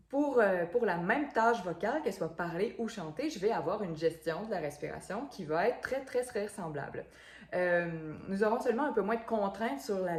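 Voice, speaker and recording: A woman's voice: mid-range voice, darkish tone, reverberant. A woman, a voice coach explaining things in an instructional video, with frequent fillers and repeated words.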